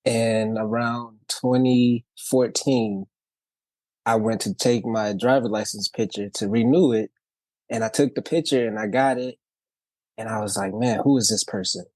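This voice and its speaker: A low-voiced man from Louisiana chats in an easygoing, upbeat way. He is a podcast guest telling his own story, and the sound is dry and close. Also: steady tone, measured pace, darkish tone, no room sound. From Louisiana, grew up in Texas. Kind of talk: casual conversational storytelling.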